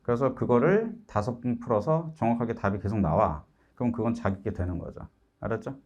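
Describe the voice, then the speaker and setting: A middle-aged man lecturing on math, with a pitch that swings widely up and down. He keeps checking in with his students and sounds direct and coaxing. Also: brisk, dull audio. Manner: lively, keeps asking "알았죠?" to check understanding; acts out students' complaints in a raised voice. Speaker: math instructor.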